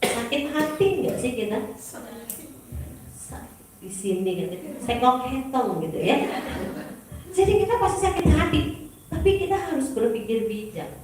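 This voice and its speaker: A woman's voice: high voice, unhurried, long pauses, background noise. A woman school leader giving a teacher training talk, telling stories and acting out the dialogue. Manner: animated storytelling, acting out dialogue. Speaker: school principal speaking to teachers. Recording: very echoey hall, voice from far off.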